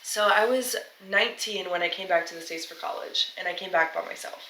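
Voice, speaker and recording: A woman who grew up in Peru, speaking as a podcast guest with a bright, forceful voice. She tells her story bluntly and candidly, sitting a little off the mic in an echoey room. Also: on the low side, a little fast, recorded from a distance, a little hiss or hum. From grew up in Peru, born in the US. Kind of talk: casual chat.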